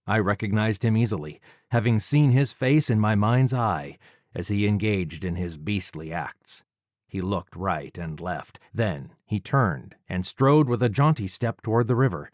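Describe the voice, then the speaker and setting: Speaking close to the mic, this man reads a first-person tale as an audiobook narrator, with a deliberate, measured, dramatic delivery. The recording is dry and his pitch sits on the low side.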